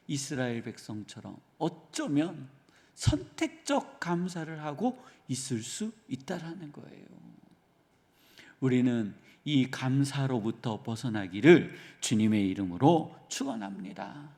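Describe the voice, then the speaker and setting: A man's voice: mid-range voice, very animated, unhurried, a little mellow. A male pastor giving an early-morning sermon, earnestly asking his congregation rhetorical questions. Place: church sanctuary. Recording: reverberant church hall.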